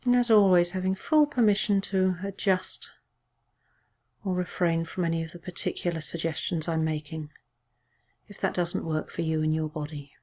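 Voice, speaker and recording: With a fairly low pitch and a steady tone, a woman leads a guided body scan meditation as a mindfulness teacher. Her delivery is gentle, measured, and soothing, punctuated by pauses.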